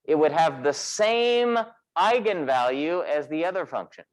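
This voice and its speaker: A man lectures a physics class in an unhurried way, his voice a little high with lively intonation. The class session was recorded, and he pauses to ask questions as he explains each step.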